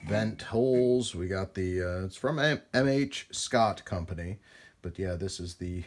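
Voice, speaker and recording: As he tinkers with old radio equipment, a man narrates a casual hands-on vlog demonstration, rambling in a folksy manner and hesitating as he works. He speaks a little slowly, and his voice sits low.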